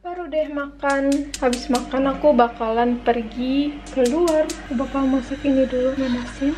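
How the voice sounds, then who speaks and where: A woman's voice: sits high, fairly even intonation, normal speed, noisy background. A woman in her early twenties from Indonesia, chatting casually to viewers while cooking in a small apartment kitchen, filmed on a camera held at arm's length. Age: early 20s. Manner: chatty, addresses viewers as guys. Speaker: vlogger. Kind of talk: casual vlog chat. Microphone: handheld camera at arm's length.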